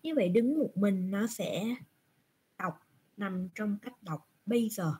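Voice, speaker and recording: Mellow, breathy woman teaching a class. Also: mid-range voice, slow. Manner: patient, asks and answers own questions. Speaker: Japanese teacher. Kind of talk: online class lecture. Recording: screen recording from a browser.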